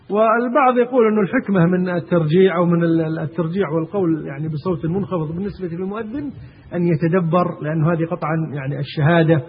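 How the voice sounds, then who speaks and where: A man's voice: fairly high pitch, breathy edge. A man teaching a class on Islamic jurisprudence, often asking his students questions as he explains. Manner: asks the class questions, often pausing on "eesh?". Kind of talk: classroom lesson on a text. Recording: tinny phone-like recording, long hall reverb.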